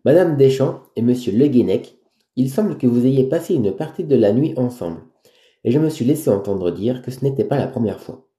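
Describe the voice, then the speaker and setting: A man's voice: medium pitch, expressive, dark tone, lightly acted. A man voicing a stern, formal middle-aged cruise director who lays down the rules. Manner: formal, firm, measured. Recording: roomy echo.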